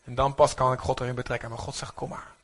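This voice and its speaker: A man preaching a sermon to a congregation, animated and calling for amens. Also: medium pitch, rapid-fire. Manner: animated, rising to near-shouts when voicing prayers; speaks to the congregation, asks for amens. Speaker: pastor.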